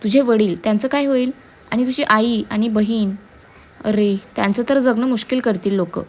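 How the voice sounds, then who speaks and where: A woman doing a cruel schemer girl, sing-songy mocking, bit high pitched. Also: steady tone, moderate pace, darkish tone, lightly acted. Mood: gloating. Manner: taunting, sing-song mockery mixed with English.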